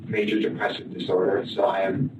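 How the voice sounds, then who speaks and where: A man being interviewed as a suspect, talking in a halting, flat, matter-of-fact way. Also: low voice, muffled recording. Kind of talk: police interview. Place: police interview room. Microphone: far-off room camera. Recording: echoey noisy room from far off.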